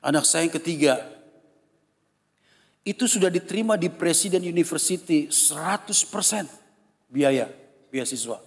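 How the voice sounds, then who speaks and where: A man in his fifties, a pastor giving a sermon with a personal testimony, telling stories with lively impressions of his children and congregation. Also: a little high, unhurried, creaky, long pauses. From Indonesia. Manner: animated storytelling, mimics his children and congregation. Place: church hall. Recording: long church reverb.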